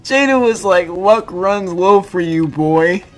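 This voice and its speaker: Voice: medium pitch, lively intonation, slow pace, faint music behind. A young adult gaming streamer reading chat messages aloud in casual, slangy commentary, often breaking into laughter.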